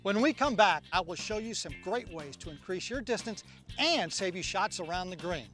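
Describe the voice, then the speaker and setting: A man's voice: high voice, lively intonation, moderate pace, music in the background. A man hosting a product infomercial, talking up what he sells. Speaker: infomercial host.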